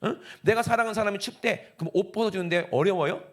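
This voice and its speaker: A man with a Gyeongsang accent preaching a lively Sunday sermon in a church, often putting questions to the congregation. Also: sits high, fast. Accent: Gyeongsang (Busan). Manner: animated, talks directly to the congregation with frequent questions. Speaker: pastor. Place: church sanctuary.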